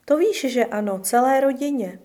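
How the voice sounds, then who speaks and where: A woman voicing a gentle old grandfather in a storybook reading, speaking softly and reassuringly. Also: high voice, lively intonation. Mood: tender. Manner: soft, loving, reassuring.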